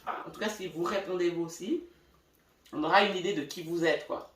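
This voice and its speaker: A woman's voice: lowish voice, a little fast. A woman singer in casual chat, thoughtfully explaining her view with fillers. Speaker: singer in a vocal group. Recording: roomy, distant from mic.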